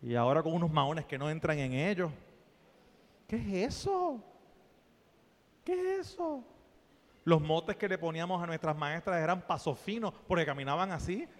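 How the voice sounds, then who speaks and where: A man preaching a sermon, playful and animated, dropping to soft asides and then rising to loud exclamations. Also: on the high side, brisk, few pauses. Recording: long reverb of a church hall.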